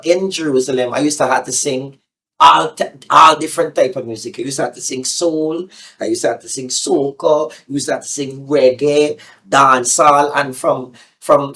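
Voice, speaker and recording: A middle-aged man with a Guyanese accent, a singer talking about his life in a relaxed, rambling way, full of fillers and restarts. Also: medium pitch. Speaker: singer being interviewed. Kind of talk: casual interview storytelling.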